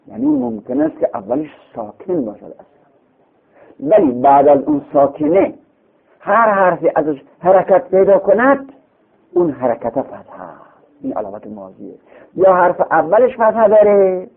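A man with a gravelly, fairly high voice teaches a classical text, lingering on each point and repeating example words in a sing-song way. His pitch swings widely as he explains. The sound is thin and tinny, as if heard over a phone line. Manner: patient and repetitive, chanting example words several times.

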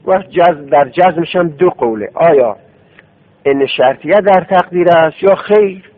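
A male teacher works through Arabic grammar step by step, repeating forms aloud as drills. His voice sits at an ordinary male pitch. The sound is thin and tinny, like an old radio broadcast. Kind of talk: classroom grammar lesson. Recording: tinny phone-like radio recording.

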